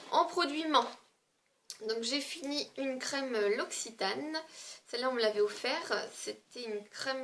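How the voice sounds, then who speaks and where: A woman's voice: on the high side, a bit bright, slight background noise. A woman beauty vlogger chatting casually through a product review, talking loosely with frequent fillers and small hesitations.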